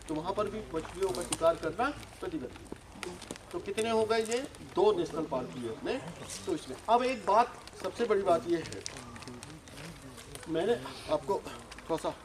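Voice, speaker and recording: A retired forest officer in his sixties teaches a group of schoolchildren outdoors in a forest, quizzing them and pushing for quick answers in a high voice. The outdoor recording is noisy.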